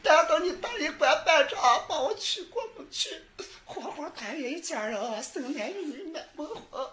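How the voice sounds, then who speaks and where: A bold, passionate young heroine, played by a woman speaks with a northern Shaanxi accent. Her voice is high and bright, breaking between sobs and laughter. She slips into sung, wailing cries in folk storytelling fashion. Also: animated, normal speed. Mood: tearful farewell.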